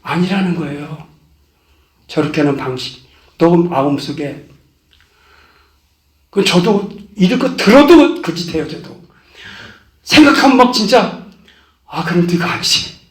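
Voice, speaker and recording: Middle-aged pastor guy preaching hard, high voice, big echo in the church hall. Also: expressive, a little slow, long pauses. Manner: impassioned preaching, pitch swings up on key phrases. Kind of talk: testimony sermon.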